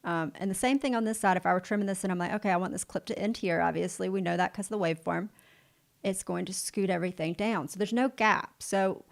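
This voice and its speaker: A woman giving a livestream software tutorial, upbeat and encouraging, talking straight to the viewer as she walks through each step. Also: mid-range voice, quick pace, creaky. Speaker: video editing instructor.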